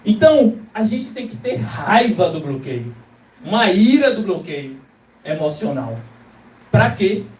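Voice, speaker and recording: Before a live audience, a Brazilian Portuguese-accented preacher delivers a rousing motivational message, firing off rhetorical questions and performing quoted voices. He speaks high-pitched and very animated, yet unhurried. The sound comes through a far-off mic in an echoey hall with faint ambience.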